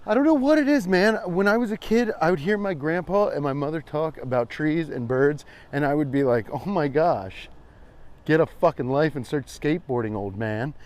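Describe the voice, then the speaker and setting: An American man in his forties hosts a rambling comedic walking vlog outdoors on a trail, chatting casually and irreverently and swearing freely. His voice is fairly high, animated and a little mellow, at normal speed.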